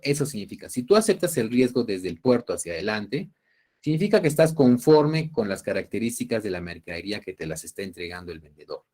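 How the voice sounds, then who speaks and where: A man from Peru with a Peruvian Spanish accent lectures an online university class, walking through cases step by step. His voice is lowish, sing-song, a little fast and a little mellow. He's didactic, often using tag questions to check that students are following.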